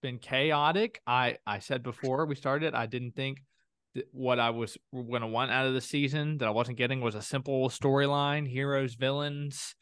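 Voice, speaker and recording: A man's voice: medium pitch, fairly even intonation, moderate pace, a bit bright, clean tone, dry recording, studio quality. A man hosting a reality TV recap podcast, chatting casually with a playful, sing-song delivery. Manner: playful, sing-song intro with spooky asides. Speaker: podcast host.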